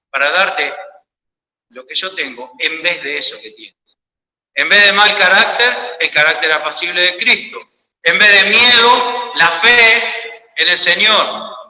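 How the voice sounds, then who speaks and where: Impassioned preacher in an echoing church. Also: male voice, high-pitched. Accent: Argentine Spanish. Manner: impassioned, swings from loud cries to hushed pleading. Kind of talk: sermon. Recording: echoey church hall with long reverb.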